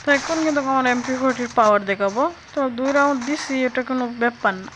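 A young woman with a Sylheti Bengali accent giving chatty, excitable commentary on a mobile game, talking straight to her viewers. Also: sits high, very fast, a little hiss or hum, rough recording. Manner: chatty, excitable, addresses viewers, frequent exclamations. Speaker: gaming YouTuber.

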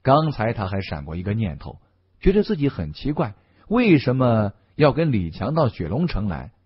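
A man narrating a novel as an audiobook in an expressive, scripted delivery. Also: lowish voice, normal speed, husky. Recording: dull lo-fi audio.

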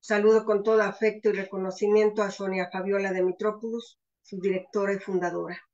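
A Mexican woman, a writer, giving a formal, measured presentation with a Mexican accent. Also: medium pitch, flat delivery, a little mellow, muffled recording. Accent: Mexican Spanish. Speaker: guest speaker, writer.

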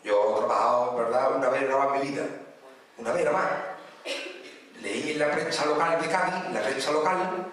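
A man's voice: medium pitch, a little fast, long pauses, fairly bright tone. Man bantering on a theatre stage. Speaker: comedian. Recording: echoey live theatre recording from far off.

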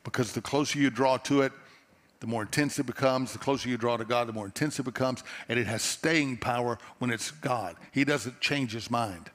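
A man's voice: mid-range voice, a little fast, a bit bright. A middle-aged man with a Texan accent preaching a sermon on a church stage in an earnest, conversational storytelling manner, often restarting his phrases, through a headset mic. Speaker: pastor. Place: large church stage before a seated audience. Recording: long hall reverb from a church auditorium.

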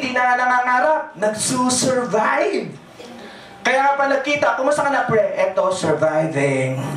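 A man with a Filipino accent giving a lively, joking motivational sales presentation, drawing call-and-response from the audience in a large hall. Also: extremely high pitch. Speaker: business presenter. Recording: echoey hall, mic at a distance.

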